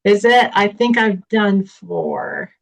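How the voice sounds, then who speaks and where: A woman's voice: medium pitch, huge pitch swings, slow pace, creaky, rough recording. A woman from Ontario, Canada, chatting on a group call, giggly and hesitant with many fillers. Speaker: participant. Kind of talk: casual chat.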